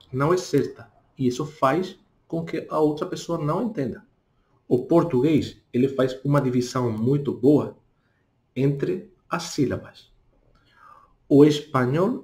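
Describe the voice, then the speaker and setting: A man speaking with a Spanish accent, a native Spanish speaker who gives a casual spoken lesson, talking slowly and tagging his points with little questions. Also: medium pitch. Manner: talks deliberately slowly, tags questions with "não?". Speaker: language teacher.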